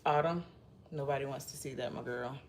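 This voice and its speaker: Speaking a little fast, this middle-aged Massachusetts woman has a bass, slightly mellow voice, with slight background noise behind her. She's a livestream host chatting casually with viewers, rambling shyly and restarting often.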